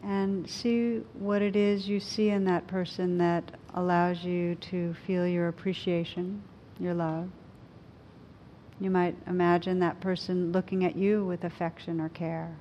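A woman speaking as a meditation teacher, in a gentle, unhurried way with frequent pauses, as in a reflective talk or guided practice. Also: little pitch movement, dull audio. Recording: clear low rumbling background noise.

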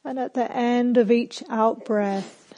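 A woman leads a guided meditation in a calm, gentle voice, leaving spacious phrasing and long pauses between instructions. Her pitch is fairly high, and the recording is rough.

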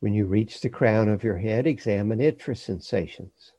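A man leads a guided body scan meditation, offering measured instructions in short phrases separated by pauses. His voice is lowish and mellow, with no echo.

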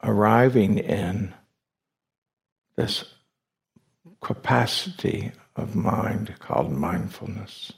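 Leading a guided meditation, this man delivers short, deliberate phrases separated by long pauses. He sounds low, expressive and creaky.

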